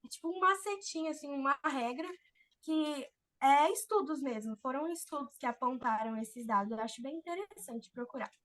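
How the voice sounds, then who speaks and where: A woman leads an informal online lecture. Her voice sits high and sounds bright and sharp. She talks expressively and acts out the voices in her examples. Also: normal speed. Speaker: speaker giving an online talk on public speaking.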